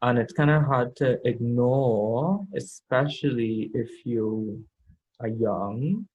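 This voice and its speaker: A man with a Trinidadian accent chatting casually, a little drunk and halting as he searches for his words. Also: mid-range voice, a little mellow, slightly rough, highs cut off. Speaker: guest in a makeup challenge video. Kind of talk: casual chat.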